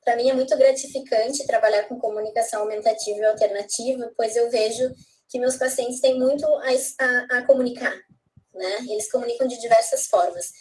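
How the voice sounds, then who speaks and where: A woman with a Brazilian accent, a speech therapist, giving an explanatory testimonial about her work. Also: fairly high pitch. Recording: slightly distant from the mic.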